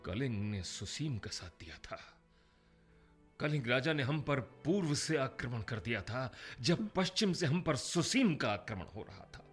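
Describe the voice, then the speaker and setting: An actor playing a remorseful, brooding Indian emperor in a Hindi radio drama, solemn and theatrical with dramatic pauses. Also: male voice, medium pitch, sing-song, faint music behind. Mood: regal, measured. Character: remorseful, brooding Indian emperor, once feared for his rage.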